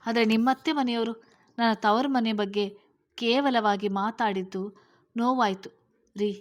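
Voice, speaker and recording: A woman's voice: fairly high pitch, steady tone, a little slow, close to an everyday voice. A woman voicing a hurt but consoling young wife in a read-aloud story. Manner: gentle, consoling.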